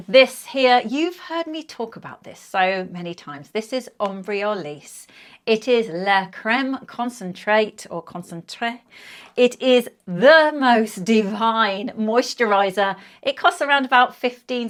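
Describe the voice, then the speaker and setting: A woman's voice: mid-range voice, a bit bright. Gushing woman over fifty. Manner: gushing, enthusiastic, chatty. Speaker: beauty vlogger. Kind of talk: casual product review to camera.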